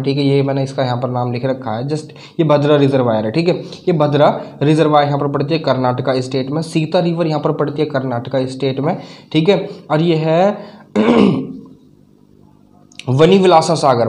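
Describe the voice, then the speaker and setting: A man from North India walks through a map lesson, his voice sitting slightly higher than most men's. He halts over unfamiliar names, repeats them, and answers his own questions. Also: darkish tone. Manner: halting, repeats names, asks and answers himself. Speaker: teacher.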